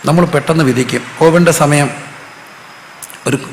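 A man's voice: on the high side, normal speed, vocal fry, a little hiss or hum. A male pastor, preaching a sermon with call-and-response questions and humorous stories. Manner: call-and-response preaching, asks the audience to repeat answers; storytelling with humor. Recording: echoey hall with faint ambience.

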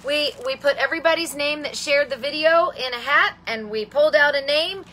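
On her live stamping tutorial, the host talks with viewers, naming them and addressing them as honey and sweetheart, rambling through plenty of ums and restarts. Her voice is high, brisk and sharp in tone, with a little hiss or hum in the audio.

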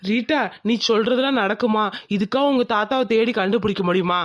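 A woman's voice: mid-range voice, fairly quick, dry recording, clean studio sound, natural voice. Woman voicing a worried, broke young husband. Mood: pleading. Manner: pleading, exasperated. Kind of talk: cartoon voice acting.

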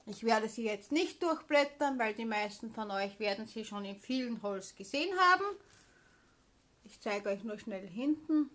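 A woman's voice: on the high side, animated, normal speed, a bit bright. A woman chatting casually as a vlogger, showing purchases in an informal, explanatory manner. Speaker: craft haul vlogger.

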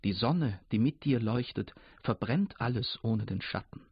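A man's voice: medium pitch, expressive, measured pace, slightly rough, no room sound. A man voicing an ancient, wise male river who patiently explains, in a dull lo-fi radio recording. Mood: calm, explaining.

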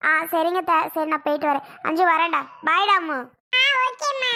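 Woman in a home family skit, super high voice, scolding and pleading. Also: fairly even intonation, quick pace, bright, forceful tone. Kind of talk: homemade family drama skit.

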